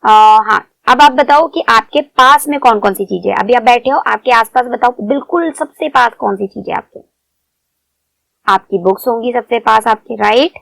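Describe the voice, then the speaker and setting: Gravelly-voiced woman teacher. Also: on the high side, moderate pace, fairly bright tone, no echo. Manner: coaxing, asks the class questions. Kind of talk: lesson for young children.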